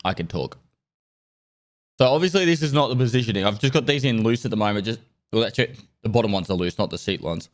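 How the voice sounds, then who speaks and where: His voice lowish and his pace fast, a man stuffed up with a cold thanks subscribers during a laid-back, rambling live stream chat.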